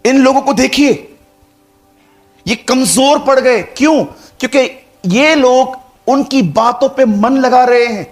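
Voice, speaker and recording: A man's voice: very high voice, slow, soft background music. A man preaching a sermon to a congregation, acting out little dialogues and putting questions to the crowd. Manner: lively, acts out dialogue, addresses congregation.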